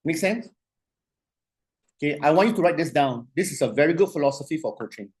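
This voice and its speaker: A man lecturing a class on coaching in an animated, repetitive way. He keeps checking in with the students and slows right down when he dictates a phrase. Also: a little high, breathy edge. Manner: animated, repetitive, asks "you see?" often.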